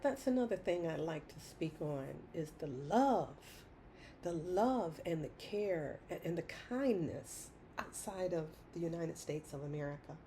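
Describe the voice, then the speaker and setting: A middle-aged woman records a rambling personal monologue in a lowish voice, laughing often between phrases. She talks very slowly and repeats her points for emphasis. A faint hum of room noise sits behind her. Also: warm tone. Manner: emphatic repetition. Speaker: vlogger.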